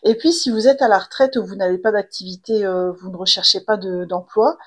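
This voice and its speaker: A woman's voice: mid-range voice, brisk. A woman doing a tarot reading to camera in a chatty way, full of fillers and restarts. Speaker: tarot reader and coach.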